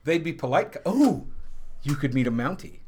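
A man's voice: medium pitch, quick pace, a little mellow. A man co-hosting a casual chat, telling rambling anecdotes with dry asides. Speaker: co-host. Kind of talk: casual chat about whiskey.

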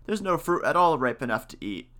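A man's voice: a little high, very animated, fairly quick, sharp tone. A man voicing a worried, devout old woman who pleads anxiously with her husband in a storybook reading.

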